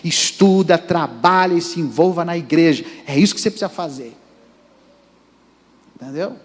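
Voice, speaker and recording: With a slightly high, expressive voice at normal speed, a male pastor delivers a sermon in Brazilian Portuguese. He is emphatic and speaks directly to the congregation in the church sanctuary, where reverb fills the recording.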